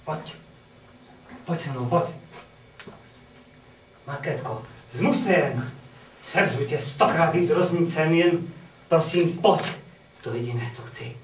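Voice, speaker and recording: An actor playing an urgent young rescuer. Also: male voice, on the high side, long pauses, reverberant, distant mic, slight background noise, close to an everyday voice, rough recording. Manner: urgent, hushed then loud calls, declamatory verse. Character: young man breaking his lover out of prison, urgent. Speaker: actor in a radio play. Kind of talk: theatrical verse radio drama.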